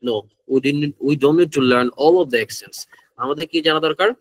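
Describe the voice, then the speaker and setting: A Bangladeshi-accented man with a slightly high voice leads a pronunciation lesson. He switches between Bengali and English and quizzes his class as he goes. The sound is dry and close. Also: slow pace, no room sound, low-quality recording. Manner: mixes Bengali with English phrases, asks the class questions. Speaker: English teacher. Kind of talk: online class lecture.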